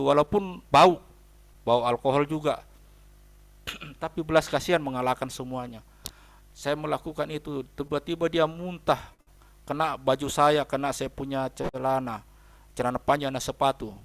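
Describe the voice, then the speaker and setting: This pastor's voice sits fairly high, with fairly even intonation and a normal speaking speed. He tells a personal story in his sermon, delivering it emphatically and repeatedly calling his listeners brothers and sisters.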